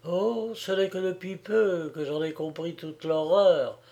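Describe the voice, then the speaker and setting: A man reading an audiobook, voicing a gentle young woman who pleads tenderly and softly. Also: sits high, fairly even intonation, unhurried, gravelly. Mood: tender, sorrowful.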